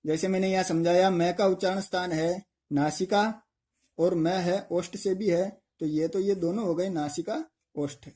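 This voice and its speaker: A male teacher gives an exam-prep lesson in a mellow, darker voice. He works through each point step by step. He often asks a question and then answers it himself. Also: high voice, steady tone, normal speed. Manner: explains step by step, asking and answering his own questions.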